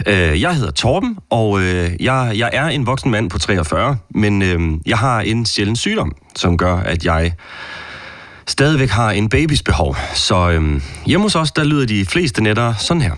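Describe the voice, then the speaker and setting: A man doing an awkward, halting fortysomething. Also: on the low side, very animated. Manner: halting, full of hesitations. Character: awkward 43-year-old man, hesitant.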